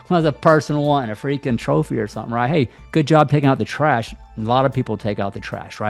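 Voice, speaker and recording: Man, mid-pitched voice, blunt conversational monologue, faint background music. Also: vocal fry, darkish tone, no room sound. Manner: blunt, conversational, mixes in asides and quick mock voices. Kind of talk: casual monologue to camera.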